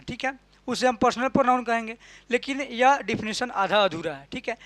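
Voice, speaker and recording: Explaining grammar in Hindi to a class, this high-voiced man asks his own questions, answers them, and comes back to key terms again and again. Each point ends with a soft "ठीक है," and the dry audio carries no room sound.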